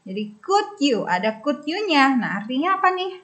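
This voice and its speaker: A woman's voice: high-pitched, big pitch swings, fairly bright tone. Woman teaching English phrases. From Indonesia. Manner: repeats phrases slowly for drilling, prompts the other speaker. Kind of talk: classroom lesson, explaining and modeling phrases.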